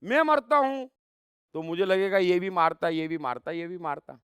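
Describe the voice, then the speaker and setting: A man's voice: high voice, normal speed, a bit bright, smooth, no echo. A man giving a spiritual discourse on scripture, speaking emphatically, with rhetorical questions and repeated phrases.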